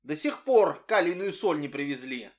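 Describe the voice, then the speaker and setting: Guy doing a loud bossy schoolboy, way up high and bouncy, yelling news like it's huge. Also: expressive, moderate pace, lightly acted. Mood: excited. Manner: shouting, breathless boasting.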